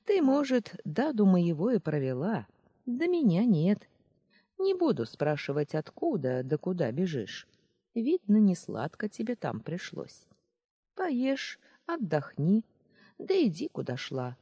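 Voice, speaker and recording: A reader voicing a kindly, grumbling old village woman with a hoarse voice in an audiobook. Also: mid-range voice, sing-song, a little slow, warm tone, no echo. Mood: sly, gentle. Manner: good-natured grumbling, scolding. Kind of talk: audiobook character voice.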